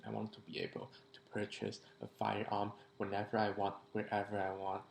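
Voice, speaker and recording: A man with a low, gravelly voice talks casually, often checking in with the listener as he goes. A faint hiss sits behind him. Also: completely flat delivery, fairly quick, roomy sound. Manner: conversational, tags lines with "right?".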